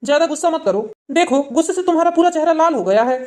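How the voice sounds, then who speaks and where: A woman voicing a calm adult husband in a cartoon family drama, talking in a soothing way. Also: high voice, quick pace.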